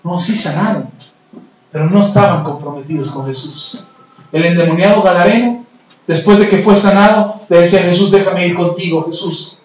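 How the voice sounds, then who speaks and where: A male pastor preaching a sermon in a storytelling way, swinging from hushed tones to shouting. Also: high voice, brisk, muffled recording, a little hiss or hum. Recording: echoey church hall from far off.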